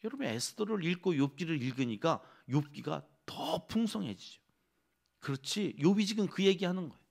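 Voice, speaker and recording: A male pastor preaching an early-morning sermon in a church. He is animated and keeps asking the congregation questions. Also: on the high side, normal speed, vocal fry.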